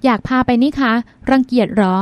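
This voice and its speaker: A woman reading as a chatty young woman, high and dry. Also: a little fast, no echo, lightly acted. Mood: eager. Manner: polite chatty storytelling. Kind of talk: audiobook dialogue.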